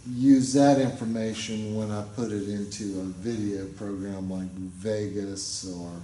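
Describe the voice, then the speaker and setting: A man in middle age lectures a class at an unhurried, meandering pace, his voice low and mellow. The sound is captured from across an echoey classroom with faint room noise underneath. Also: far from the mic. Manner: relaxed, rambling explanations with fillers. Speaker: instructor.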